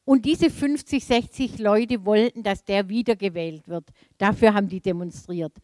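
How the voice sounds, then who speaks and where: A woman from Germany giving a sermon, telling a personal story with laughing asides in a lively storytelling manner. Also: medium pitch, moderate pace, no room sound. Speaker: preacher.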